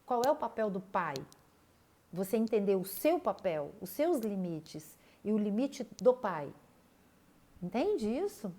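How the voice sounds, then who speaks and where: A woman's voice: mid-range voice, very animated, unhurried, dark tone. Earnest older Brazilian woman with fillers. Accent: Brazilian Portuguese. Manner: earnest, repeats words, hesitant fillers. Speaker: body analysis therapist. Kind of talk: casual talk to viewers.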